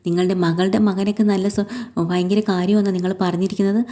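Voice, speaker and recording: A woman's voice: medium pitch, flat delivery, fast talker, natural voice. A woman voicing a quarrelsome middle-aged housewife. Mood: indignant. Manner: sharp, quarrelsome. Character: angry middle-aged woman scolding mother-in-law.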